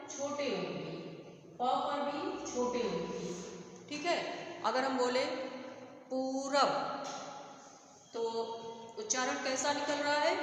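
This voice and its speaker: A high-pitched woman teacher walks her students through grammar at an unhurried pace, pausing to check they follow. Her voice rings out in a very echoey room with a long reverb tail. A faint hiss sits under the recording. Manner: slow, explanatory, repeats "theek hai" to check understanding. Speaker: Hindi teacher. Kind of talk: classroom grammar lesson.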